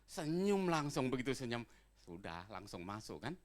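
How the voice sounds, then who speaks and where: A man's voice: mid-range voice, moderate pace. A male pastor, preaching a sermon and acting out everyday dialogues in casual slang. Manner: lively preaching, swings between loud calls and quiet asides; acts out little dialogues with casual Jakarta slang. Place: church service.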